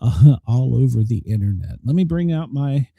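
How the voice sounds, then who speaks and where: A man's voice: medium pitch, animated, moderate pace, vocal fry, dark tone, husky, no echo, highs cut off. A man hosting a live talk show in casual chat, stumbling over his words and joking at his own expense. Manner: stumbles over words, self-deprecating, jokey. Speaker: radio show host.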